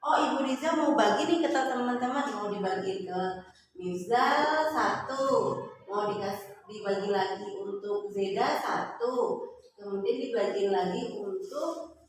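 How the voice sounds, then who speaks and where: A woman's voice: mid-range voice, normal speed. Patient woman teacher in a very echoey room. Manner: patient, asks pupils questions and answers them herself. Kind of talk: explaining a lesson to young pupils. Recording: very echoey room with faint background noise.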